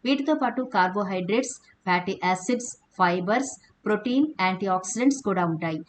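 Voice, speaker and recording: A woman's voice: medium pitch, quick pace, a little hiss or hum. Woman narrating home remedies steadily. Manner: steady explanatory, addresses viewers as friends. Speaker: home remedy channel host. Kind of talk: scripted voice-over narration.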